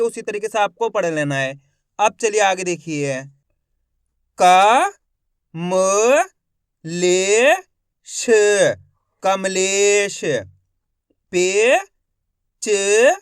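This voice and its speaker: A male reading teacher who sounds out each syllable one by one, then says the whole word slowly, and asks his viewers questions that he answers himself. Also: high voice, a bit bright, clear, resonant tone, no echo, clean studio sound. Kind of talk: slow spelling lesson, syllable by syllable.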